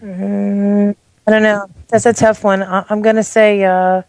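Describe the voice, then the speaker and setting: A woman's voice: medium pitch, level tone, a little slow, a little mellow, dry recording. A middle-aged woman chatting casually as a guest, hesitant and self-deprecating, often trailing off mid-thought. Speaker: guest making football picks. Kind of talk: casual chat.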